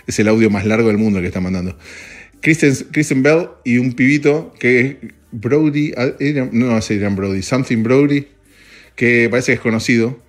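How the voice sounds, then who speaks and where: A man's voice: mid-range voice, normal speed. A young man with an Argentine accent, chatting casually and rambling for his podcast while standing in an office. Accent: Argentine Spanish. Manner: rambling, joking, swears casually, jumps between topics. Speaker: podcast host. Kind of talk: casual voice-note chat.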